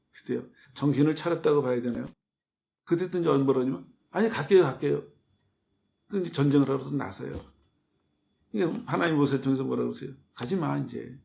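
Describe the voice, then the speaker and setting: A man delivering a sermon in a mid-pitched voice with a noticeable gravelly fry. He preaches like he is chatting, throwing rhetorical questions to the congregation and answering them himself. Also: darkish tone, a little hiss or hum. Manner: acts out quoted voices in his telling. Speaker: pastor.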